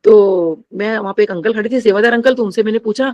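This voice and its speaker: A woman's voice: medium pitch, fast, darkish tone. A middle-aged woman sharing a spiritual testimony with a congregation. She addresses them often and mixes English phrases into her Hindi.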